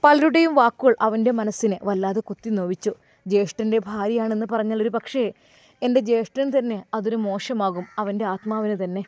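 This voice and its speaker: A woman storyteller with a fairly high voice and a Malabar Malayalam accent, telling an emotional tale with dramatic, heartfelt delivery. The recording is dry and close, with no room echo. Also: fairly quick, a little mellow.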